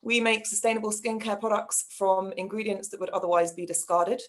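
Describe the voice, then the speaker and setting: A woman co-founder giving an introductory business pitch as a panelist. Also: steady tone, a little fast.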